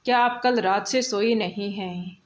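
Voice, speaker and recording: A kind, protective young man, as a woman storyteller puts him on, asking concerned questions. The voice stays slow and even, like a storybook read. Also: medium pitch, close to an everyday voice. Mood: caring.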